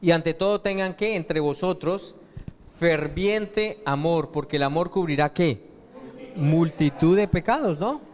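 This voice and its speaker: Male pastor preaching, kinda high voice, lots of "¿qué?" and "¿cierto?" to the crowd, big echoey church. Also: measured pace, a little mellow. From Colombia. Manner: asks rhetorical questions and lets the congregation fill in the answer. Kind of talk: sermon. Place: church hall with long reverb. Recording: reverberant church hall.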